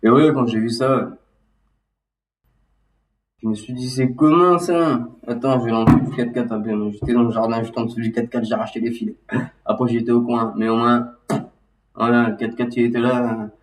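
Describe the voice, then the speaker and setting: A man talking casually and loosely about his memories, halting and restarting often with lots of fillers. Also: medium pitch, steady tone. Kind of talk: casual rambling monologue. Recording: roomy echo, mic at a distance.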